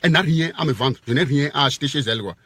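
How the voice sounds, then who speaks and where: High-pitched Togolese man lecturing hard. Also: rapid-fire, background noise. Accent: Togolese French. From Togo. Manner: lecturing, repeats phrases, tags "quoi". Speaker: social media commentator. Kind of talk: impassioned Facebook video rant.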